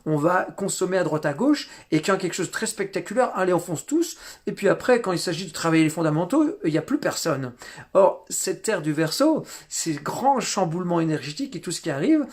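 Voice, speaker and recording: A man giving a spiritual teaching talk, halting often with repeated words and fillers. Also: high-pitched, expressive.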